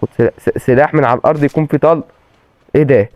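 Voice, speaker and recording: A man with an Egyptian accent commentating his own gameplay and repeating excited exclamations. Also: medium pitch, very fast, dry recording, muffled recording. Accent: Egyptian Arabic. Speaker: gaming channel host.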